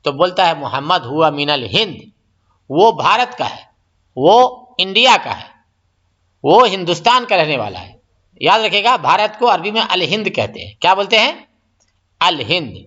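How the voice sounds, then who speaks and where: A man with a high, bright voice teaches an Arabic lesson. He explains each phrase, then repeats it slowly and translates it. The recording is dull and lo-fi. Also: big pitch swings. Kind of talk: classroom-style language lesson.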